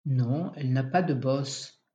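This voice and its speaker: A reader voicing Camille, a cold and defensive young wife who answers curtly and dismissively. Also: female voice, a bass voice, unhurried, dark tone, voice pushed down. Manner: curt and dismissive.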